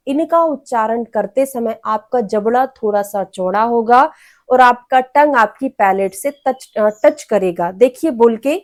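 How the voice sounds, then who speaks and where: A woman teacher giving an exam-prep lecture. She explains patiently, sounds out each syllable and has students repeat after her. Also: fairly high pitch. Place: teaching room with a board.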